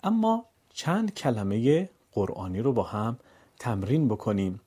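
A man leads a lesson on reading the Quran, his voice husky and a little breathy. He explains calmly, then says example words slowly, syllable by syllable, to show how they sound. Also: medium pitch. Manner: stretches syllables slowly when demonstrating words. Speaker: Quran recitation teacher. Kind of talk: instructional lesson with recited examples.

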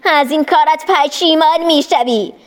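A woman's voice: high-pitched, voice pushed up, lightly acted. A sneering storybook devil, as a woman puts him on. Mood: taunting. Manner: taunting, drawn-out, with sneering laughs. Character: scheming mocking male devil. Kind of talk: storybook reading.

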